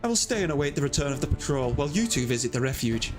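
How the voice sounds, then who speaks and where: A man's voice: medium pitch, very animated, rapid-fire, music in the background, close to an everyday voice. A man reading a posh, earnest young male scholar's game dialogue aloud in a formal manner.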